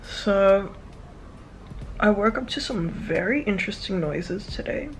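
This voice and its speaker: A woman's voice: mid-range voice, animated, unhurried, slight background noise. A woman with an Australian accent, a touring singer chatting casually to camera in a self-mocking, joking way. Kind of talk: casual vlog chat to camera.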